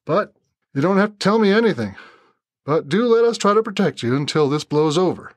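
A man voicing a slight young man with a soft Texan accent who speaks calmly and politely. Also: sits high, no echo, pitched above the performer's own voice. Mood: firm. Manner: calm, polite, measured.

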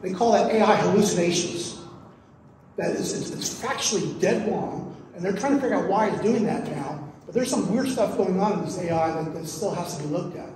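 A man's voice: high-pitched, animated, a little fast, a little mellow, a little hiss or hum. A man speaking as a panelist in a conference discussion, explaining things and repeating words while he searches for them. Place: conference room. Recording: echoey conference hall.

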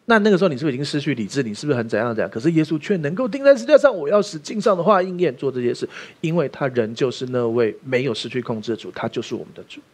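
A man's voice: mid-range voice, expressive, very fast, few pauses, darkish tone. A man preaching a sermon as pastor, emphatic and often asking the listeners questions.

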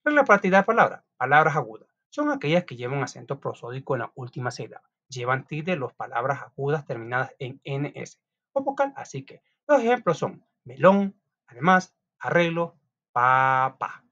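A man's voice: a little high, big pitch swings, fairly quick, a bit bright. A man teaching a class, reading out notes in a chatty way with frequent restarts and small asides. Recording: dull lo-fi recording.

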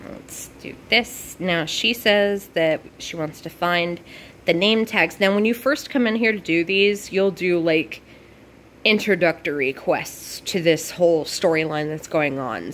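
A woman with a lowish voice gives casual commentary over a game, bubbly and gushing as she walks through tasks. She fills her talk with "like" and little asides, with a faint hum of noise behind her. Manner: bubbly, gushing, heavy use of "like". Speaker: gaming video host.

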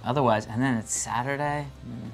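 A man's voice: mid-range voice, steady tone, a little fast, vocal fry. A man co-hosting a film review show, chatting casually with playful, teasing asides. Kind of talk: casual joking banter.

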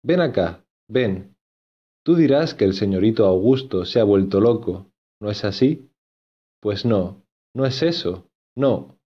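A man playing an earnest, lovesick young gentleman in a storybook, insistent and given to repeating himself. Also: on the low side, lively intonation, unhurried, breathy edge, highs cut off.

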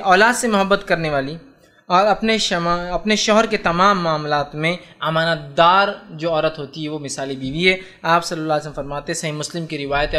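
A man preaching a sermon on hadith, animated and often asking his listeners whether they follow. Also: on the high side. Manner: animated, asks listeners rhetorical questions. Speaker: Islamic preacher.

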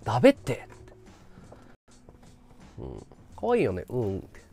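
A man from Chiba talks casually to his live-stream audience, rambling from story to story and laughing as he goes. His pitch swings widely and constantly, and faint music plays underneath. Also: a little slow, vocal fry. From Chiba, Japan. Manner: rambling, animated, laughing at his own stories. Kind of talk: casual chat with viewers.

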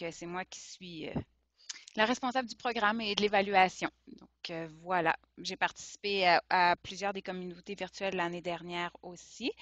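A woman, a teacher and program lead, speaking measured remarks on a video call. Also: medium pitch, a bit bright, dry recording. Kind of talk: meeting remarks.

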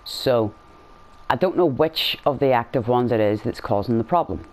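A man's voice: mid-range voice, animated, normal speed, darkish tone. A man giving casual game commentary as a video host, rambling, blunt and slangy.

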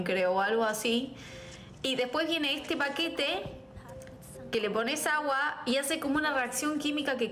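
Chatty young Argentine woman, bright voice. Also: sits high. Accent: Argentine Spanish. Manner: animated, slangy, talks to viewers directly. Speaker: vlogger. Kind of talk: casual storytelling vlog.

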